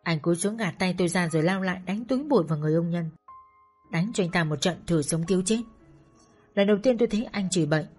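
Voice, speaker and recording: Woman, story narrator, first-person audiobook, low voice, steady, faint background music. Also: fast, husky.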